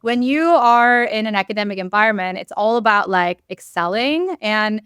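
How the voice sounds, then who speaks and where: Earnest young female guest from South Korea, very clear voice, dry close sound. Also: mid-range voice, normal speed, fairly bright tone, no room sound. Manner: earnest, many ums and likes. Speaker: podcast guest, real estate investor. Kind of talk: casual interview storytelling.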